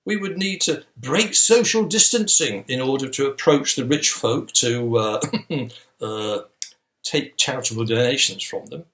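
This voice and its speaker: A man's voice: mid-range voice, measured pace, a bit bright, close to an everyday voice. A man playing a cheerful, evasive outlaw in a comic pantomime monologue, jovial and coy, in an echoey room.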